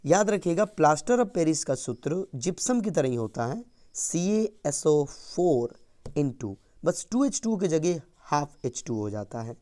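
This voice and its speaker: Man, science teacher, fairly high voice, energetic, repeats key terms, answers his own questions. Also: unhurried. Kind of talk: exam-prep science lesson.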